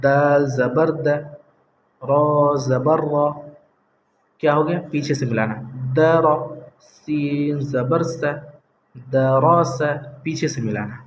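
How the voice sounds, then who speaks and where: A man teaching Quran reading, sounding out syllables slowly and patiently repeating the rules. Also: on the high side. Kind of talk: slow step-by-step lesson. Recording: echoey room with faint hiss.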